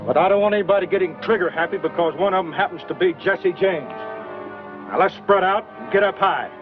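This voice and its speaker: A man plays a commanding American lawman in an old western. He speaks in clipped orders with a fairly high male voice. Music plays behind him on a dull, muffled soundtrack. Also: fairly quick, close to an everyday voice. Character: commanding frontier lawman leading a posse. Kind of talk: old western film acting.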